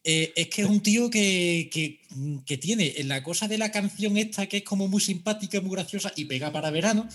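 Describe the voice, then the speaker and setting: A man co-hosting a casual podcast, with a somewhat high, husky voice. He talks emphatically and drops wry asides. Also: moderate pace, hardly any pauses, a bit bright. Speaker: podcast co-host. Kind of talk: casual chat.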